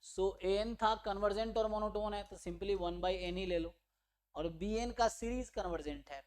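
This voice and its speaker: At a normal speed and with a high voice, a man from India delivers an online maths lecture for exam preparation. Each step is laid out in order, English terms are mixed in, and he regularly checks in with listeners.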